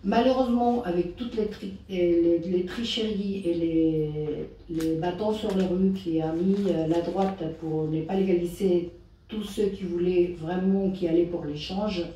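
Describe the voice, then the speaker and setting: A woman's voice: fairly low pitch, fairly even intonation, a little slow, dark tone. A woman from Peru with a foreign, Peruvian Spanish accent in French, giving an informal political talk as an activist and hesitantly searching for her words. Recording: distant mic, echoey room, faint noise.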